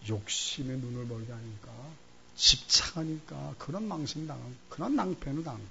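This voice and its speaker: A man's voice: mid-range voice, lively intonation, normal speed, creaky, pushed and bright, lo-fi sound, a little hiss or hum. A man preaching a Sunday sermon in a church, telling a story animatedly and acting out the voices of church members. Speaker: pastor. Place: church sanctuary during Sunday service.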